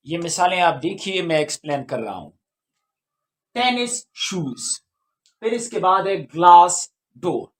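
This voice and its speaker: Patient high-voiced male grammar teacher. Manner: patient, explains step by step with examples. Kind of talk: grammar lesson explanation.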